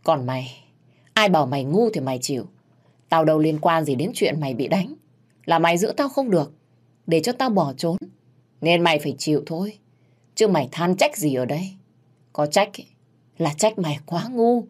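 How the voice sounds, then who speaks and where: A woman's voice: low-pitched, animated, moderate pace, pauses often, slightly rough. A woman voicing a spiteful scheming mistress who mocks and threatens in a sneering tone. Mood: sneering threats.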